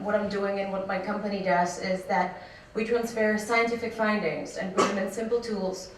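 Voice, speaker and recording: A woman's voice: medium pitch, a little hiss or hum. A woman moderating a conference panel, hesitant with fillers, recorded in a hall. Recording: echoey hall, distant mic.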